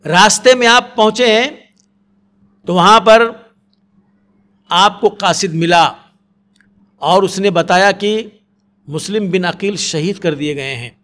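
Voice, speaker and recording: A man giving a religious lecture as a preacher, telling history in an earnest storytelling manner that often sinks low and soft. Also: slow pace, long pauses. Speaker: Islamic preacher.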